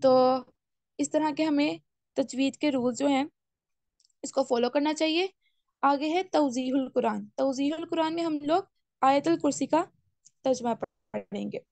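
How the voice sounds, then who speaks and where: A woman teaching a Quran course class, explaining step by step and slowly reciting Arabic phrases. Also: high voice, darkish tone, no room sound. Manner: explains step by step, asks class to raise hands. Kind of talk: online class lesson.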